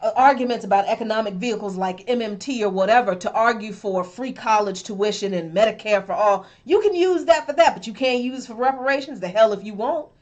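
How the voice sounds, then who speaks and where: Animated woman co-host, a little high. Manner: animated, conversational, quick to laugh. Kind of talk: political commentary chat.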